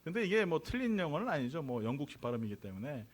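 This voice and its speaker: A man's voice: fairly high pitch, sing-song, quick pace. A man from Korea preaching a sermon as pastor of his church, chatty and joking, asking the congregation questions. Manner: conversational, jokey, draws responses from congregation. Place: church sanctuary.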